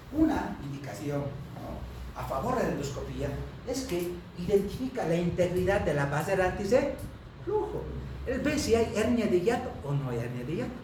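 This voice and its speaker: A man giving a medical lecture to students, who keeps checking in with his class as he talks. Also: a little high. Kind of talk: university lecture. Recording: very echoey room, distant mic, noisy.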